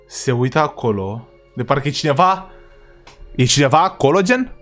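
A young man hosting a reaction video, talking casually in slang and yelling in panic at jump scares. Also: medium pitch, expressive, soft background music.

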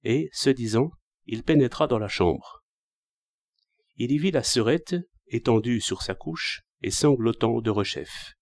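Brief: male audiobook narrator, measured literary reading, mid voice, dead-dry sound. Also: medium pitch, lively intonation, darkish tone, no room sound. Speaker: audiobook reader.

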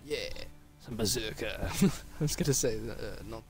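A man's voice: on the low side, measured pace, vocal fry, music in the background. A young man giving casual, rambling commentary over his gameplay, tired and swearing now and then. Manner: swearing, laughing, rambling asides. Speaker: gaming video creator.

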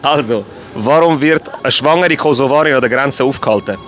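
A man's voice: mid-range voice, brisk, fairly bright tone, soft background music. A man hosting street comedy, cheeky and laughing at his own jokes, outdoors in a city. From Switzerland. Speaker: comedian host.

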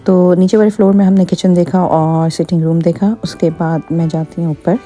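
Phone in hand, a woman strolls through a show home chatting to her audience, soft music playing beneath her. She talks in a low, warm voice at normal speed with fairly even intonation, filling gaps with fillers and mixing in English.

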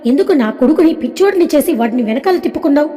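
Scornful rich mom yelling insults, high mellow voice, echoey reverb, woman reading her. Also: animated, racing, faint music behind. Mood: scolding. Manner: harsh scolding, insulting. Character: rich, arrogant middle-aged mother, scornful and furious. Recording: long reverb.

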